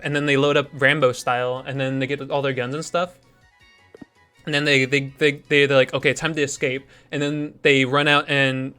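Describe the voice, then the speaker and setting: Bright-voiced rambling male streamer. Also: mid-range voice. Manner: rambling, many restarts and fillers. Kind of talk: improvised story while gaming.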